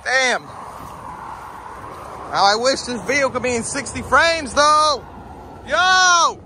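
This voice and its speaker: Bright, lively man with morning voice. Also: very high-pitched, slow pace, a little hiss or hum. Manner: bantering, grumbling, joking. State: rough morning voice. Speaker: vlogger. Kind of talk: casual outdoor vlog chat. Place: outdoors near woods.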